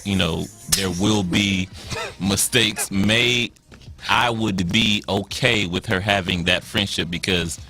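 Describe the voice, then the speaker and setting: A man's voice: low-pitched, pushed and bright. A man hosting a call-in talk show, taking callers and sharing his views. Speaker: host.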